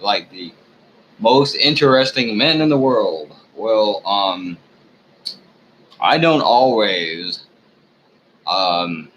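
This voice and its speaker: A man's voice: fairly low pitch, bright, forceful tone, highs cut off, a little hiss or hum. Drunk man on a rambling, profane rant. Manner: profane, halting, frequently losing his thread. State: drunk, slurring and losing his thread. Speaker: online ranter, video host. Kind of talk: rambling off-the-cuff opinion rant.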